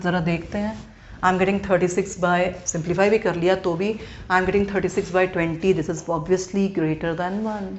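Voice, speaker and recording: A woman maths teacher with an Indian English accent, going through a lesson step by step and asking her students check questions. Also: medium pitch. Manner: slow and deliberate, reading out each step. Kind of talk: classroom lesson mixing Hindi and English. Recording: dull lo-fi recording with faint noise.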